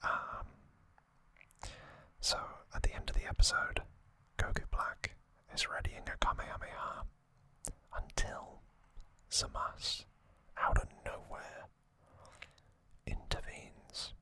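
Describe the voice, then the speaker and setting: The host of an ASMR video, a man, casually sums things up in an airy, unvoiced whisper delivered in a faltering, intimate way. He sounds bright and pushed.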